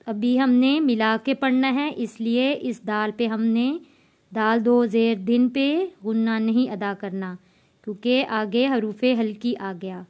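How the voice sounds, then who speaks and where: High, slow, clear-voiced woman teaching recitation. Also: darkish tone. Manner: spells letters and vowel marks, then drawls the joined syllables. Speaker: Quran reading teacher. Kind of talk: slow step-by-step recitation lesson.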